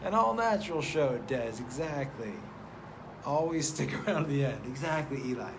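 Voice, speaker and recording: A man hosts a casual live stream, chatting loosely with plenty of profanity, reading out viewer names and rambling. His voice sits on the high side with lively intonation at a normal speed, and background noise is noticeable.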